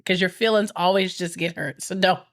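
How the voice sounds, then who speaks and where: A woman in her thirties with a stuffy, congested nose, hosting a casual podcast with animated, teasing banter. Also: on the low side, brisk. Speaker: podcast host.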